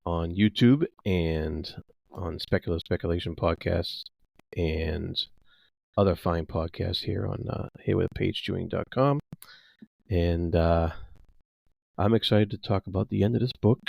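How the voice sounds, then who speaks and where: A man's voice: low-pitched, unhurried, vocal fry, a little mellow, dry recording. A man chatting casually as a panelist on a book discussion podcast.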